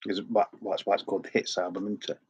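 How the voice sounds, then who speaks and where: Low, flat, and quick, with a darkish, slightly rough tone, this middle-aged man's voice comes through dull audio. Sore-throated, he rambles chattily on his record collecting vlog, repeating words a lot.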